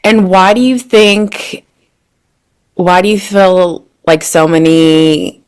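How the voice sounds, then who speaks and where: A woman's voice: lowish voice, steady tone, slow pace, clean tone. A woman hosting a casual podcast interview, chatty and encouraging, with lots of fillers. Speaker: podcast host.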